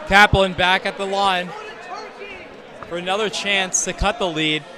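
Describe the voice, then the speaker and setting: High-voiced man giving basketball color commentary. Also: fairly even intonation, unhurried. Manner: chimes in with short analysis, shouting over the crowd. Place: crowded school gym. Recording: loud gym crowd behind.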